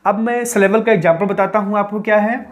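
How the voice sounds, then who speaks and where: A man's voice: high-pitched, steady tone, fast. A man teaching English grammar in a patient, step-by-step explanatory lecture, dropping English terms into his talk.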